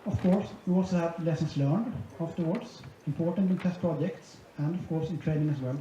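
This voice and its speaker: Male conference speaker with a warm, dark tone. Methodical delivery, recorded far off in a large hall with faint room noise. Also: on the high side, fairly quick. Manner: methodical, summarizing point by point. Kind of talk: conference presentation. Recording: echoey hall, dull sound, faint ambience.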